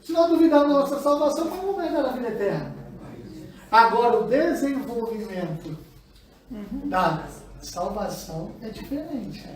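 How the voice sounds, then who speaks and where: A man's voice: very high voice, big pitch swings, normal speed. A man preaching a sermon as pastor, pressing the congregation with call-and-response questions. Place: church hall with congregation. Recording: echoey church room, mic far off, congregation.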